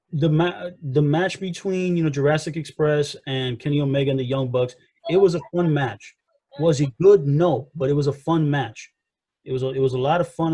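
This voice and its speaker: A man co-hosts a wrestling chat show in a husky, slightly raised voice. He argues casually and animatedly, trips over his words, and acts out what people said. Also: a little high, poor audio. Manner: animated, full of restarts and acted-out quotes. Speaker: wrestling podcast co-host.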